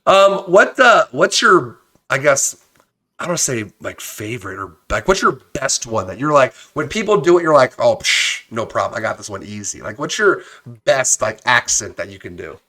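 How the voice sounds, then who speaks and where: A man's voice: medium pitch, very animated, normal speed, bright, forceful tone. A man hosting a podcast over a video call, asking long rambling questions full of fillers. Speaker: podcast host. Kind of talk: casual podcast interview.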